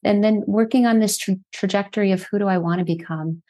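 A woman's voice: medium pitch, fairly quick, warm tone. A middle-aged woman who works as a physician and life coach, a podcast guest telling her story in an earnest, reflective way, posing rhetorical questions.

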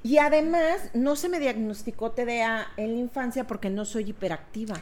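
A woman co-hosting a podcast in casual chat, animated and self-mocking, laughing a lot. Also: fairly high pitch, moderate pace. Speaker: podcast co-host.

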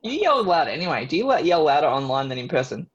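A woman's voice: low voice, very animated, quick pace, muffled recording. A woman with an Australian accent co-hosting a casual podcast chat, frank and joking in a blunt way. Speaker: podcast co-host.

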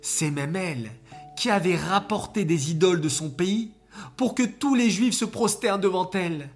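A storyteller narrating a religious story for children, speaking to them directly in a slow, animated way. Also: mid-range voice, faint music behind.

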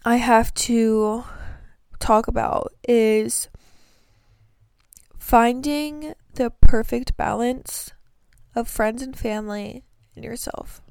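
A woman's voice: a little high, steady tone, slow, vocal fry, pauses often, darkish tone, clear, resonant tone, dry recording, clean studio sound. A young woman chatting to camera about her life, earnest and sleepy, with many fillers. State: sleepy, yawning. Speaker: vlogger giving breakup advice. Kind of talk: casual chat to camera.

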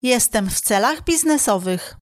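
A woman reading short phrases slowly and clearly for a language lesson. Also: on the high side, animated, no room sound, studio quality. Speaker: phrase reader in the learner's language.

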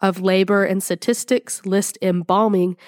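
Slightly rough-throated woman reading a list. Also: mid-range voice, steady tone, a little slow, darkish tone, no echo, studio quality. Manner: chatty, giggly, many "like" fillers. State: slightly rough throat after being sick. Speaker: podcast co-host. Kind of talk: reading a list article aloud.

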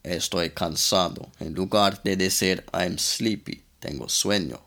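A man with a very low, deep voice teaches a language lesson at an unhurried pace. He drills example sentences patiently, one after another. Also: vocal fry, a bit bright. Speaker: English teacher. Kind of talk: podcast-style language lesson.

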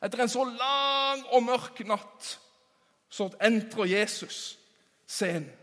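A man preaching a sermon in a church, emphatic, rising to loud calls and dropping to hushed asides. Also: very high voice. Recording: long hall reverb.

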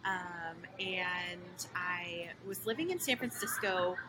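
A young home baker and small business owner from Costa Mesa, California, talks casually as an interview guest in a lowish, slow voice. She's relaxed and fills her speech with lots of "you know" and "like," against a noisy background.

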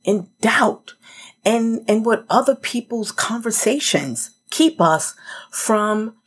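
A woman's voice: on the high side, animated, slow, husky. A middle-aged woman hosting a solo motivational podcast, chatty and emphatic, talking straight to the listener. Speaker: podcast host.

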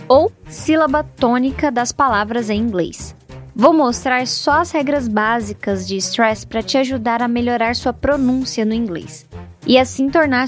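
A woman hosting a podcast lesson, explaining clearly and patiently, slowing down to model English words. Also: a little high. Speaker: podcast host and English teacher.

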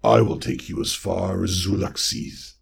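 A man voicing a huge, bloated toad-like creature that croaks its words slowly and menacingly. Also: deep voice, heavily acted. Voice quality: slow croaking, belching, far-off.

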